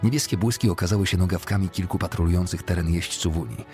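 A man narrating a novel as an audiobook, in a steady, measured storytelling manner. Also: low-pitched, faint music behind.

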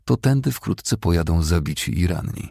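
A man narrating an audiobook with a very deep, gravelly and husky voice, reading in a steady, measured way. The recording is dry and close to the mic. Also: no echo.

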